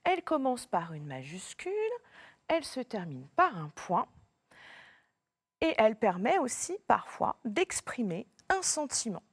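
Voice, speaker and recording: A woman teacher talks a young child through a remote lesson, patient and encouraging. Her voice sits a little high and moves a lot in pitch, and she takes her time. The recording is close and dry. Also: very animated, unhurried, breathy edge, dry recording. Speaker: primary school teacher.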